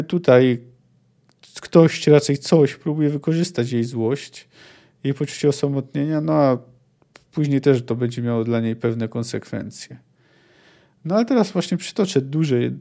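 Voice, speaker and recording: Mellow-voiced man analyzing a novel. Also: medium pitch. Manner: measured, analytical, thinking aloud. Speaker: podcast host. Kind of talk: book discussion commentary.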